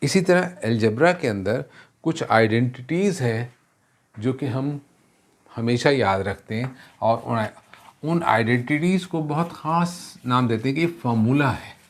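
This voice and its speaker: A man's voice: medium pitch, a little slow. A man teaching a math lesson, mixing in English terms, explaining step by step and asking rhetorical questions. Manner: self-correcting, asks rhetorical questions.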